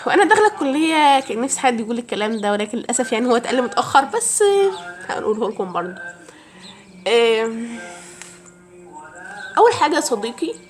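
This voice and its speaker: A young woman with an Egyptian Arabic accent talks fast in a slightly high, sing-song voice, with long pauses and faint music behind her. In a casual advice vlog, she gives friendly language-learning advice straight to her viewers.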